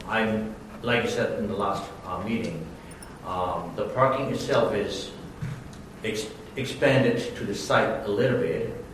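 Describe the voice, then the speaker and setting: A man's voice: lowish voice, a little hiss or hum. A man from Burma, giving hesitant, formal testimony as an applicant at a township hearing, with many fillers and phrasing. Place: township meeting room. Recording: very echoey room, mic far off.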